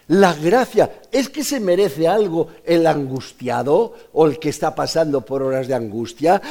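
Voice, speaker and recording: Male preacher, emphatic delivery with wide swings in pitch, slow and deliberate. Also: darkish tone. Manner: emphatic, rising to exclamations. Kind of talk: sermon.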